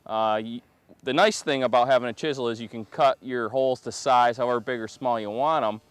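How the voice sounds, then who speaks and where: A man's voice: medium pitch, fairly quick, clean tone, dry recording. A man hosting an ice fishing show, talking casually outdoors. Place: outdoors on a frozen pond.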